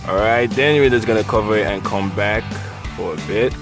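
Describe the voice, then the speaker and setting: A low-pitched man narrates a recipe casually, with loud guitar music behind him. He is playful and goofy, repeating phrases as he goes. It sounds like a homemade, joking voice-over. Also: a little fast. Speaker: cooking video narrator. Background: loud plucked guitar music.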